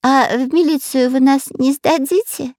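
Woman playing a whiny nasal spy, cowardly, high and loud. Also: slow, creaky, dry recording, clean studio sound. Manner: whining, cowardly.

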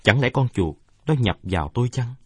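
A man narrating a first-person story in a steady, measured way. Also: mid-range voice, slightly rough, no echo.

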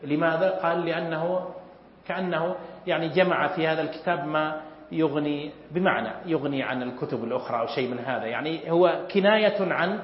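A man giving an academic lecture at a measured pace, pausing often with fillers and clearing his throat. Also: fairly high pitch. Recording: echoey hall, dull lo-fi sound.

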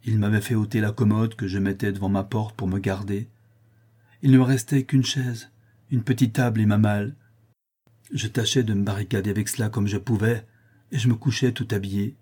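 A man's voice: on the low side, steady tone, a little fast, dark tone, husky. A man voicing a frightened young woman who anxiously confides a painful secret in a storybook reading. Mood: fearful.

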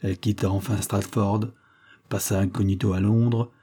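A man narrating a classic serial story in a measured, dramatic reading. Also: fairly low pitch, little pitch movement, dark tone, slightly rough. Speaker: audiobook reader. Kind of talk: scripted narration of a serial novel.

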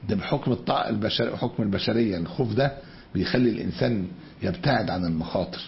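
An Egyptian man teaches a religious lesson in a gravelly voice with some fry. He keeps asking rhetorical questions and answering them, and moves from everyday colloquial talk into recited scripture. The lo-fi lecture recording sounds dull, with a faint hiss of background noise behind him. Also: on the low side, quick pace. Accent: Egyptian Arabic.

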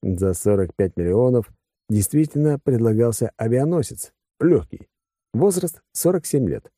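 A man's voice: medium pitch, lively intonation, measured pace, dark tone, husky, no echo, clean studio sound. A man narrating a science-fiction audiobook in first person, in a wry, conversational way.

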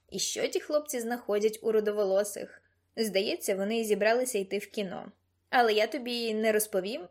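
A woman's voice: medium pitch, lightly acted. A woman reading an audiobook voices a cheeky invisible gargoyle demon who gossips and mocks, at times dropping to a whisper. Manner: gossipy and mocking, drops to a whisper.

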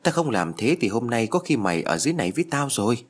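A man's voice: medium pitch, sing-song, quick pace, husky. Man voicing a faceless schoolgirl ghost. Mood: eerie pleading. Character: dead schoolgirl ghost, faceless, clingy and ominous.

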